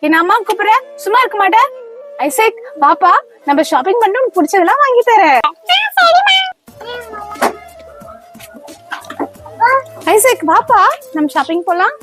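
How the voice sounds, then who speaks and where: A woman acting as a stern, fussy stepmother in a comedy sketch, with a very high, piercing voice that scolds and then shrieks in worry. Light music plays faintly behind her. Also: expressive, fairly quick. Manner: scolding, then frantic calling out. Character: bossy stepmother, adult woman, stern and fretful.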